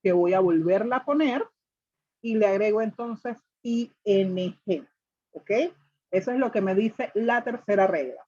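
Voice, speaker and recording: A woman's voice: medium pitch, measured pace, a little mellow, highs cut off. A woman teacher explaining grammar rules step by step to a class, repeating each rule and asking students questions. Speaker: English teacher.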